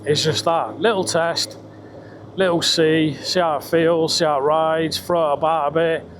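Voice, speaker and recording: British male motovlogger, higher-pitched voice, talking inside a helmet, casual rambling chat, sweary, clear engine and wind noise. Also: fairly even intonation, unhurried, a bit bright. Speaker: vlogger. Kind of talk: casual ride-along motorbike vlog chat. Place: outdoors, riding a motorbike on country roads. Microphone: microphone inside a helmet. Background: motorbike engine and road noise.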